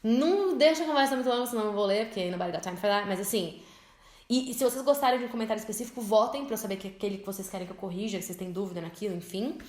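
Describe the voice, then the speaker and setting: A young Brazilian woman with a Brazilian Portuguese accent, teaching English in a chatty, expressive vlog style and slowing down to spell words out. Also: medium pitch. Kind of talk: casual vlog-style lesson. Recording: echoey room.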